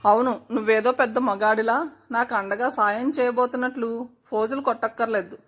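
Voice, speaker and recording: A woman's voice: fairly high pitch, fairly even intonation, moderate pace, fairly bright tone. A woman voicing a proud, fearless, irritable young woman who answers curtly and snappishly. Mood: irritated. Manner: snappish, curt.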